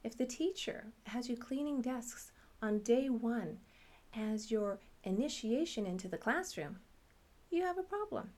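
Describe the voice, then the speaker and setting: A middle-aged woman and parent hosting a podcast, telling her family's story in measured, earnest scripted narration. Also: on the high side, animated, darkish tone.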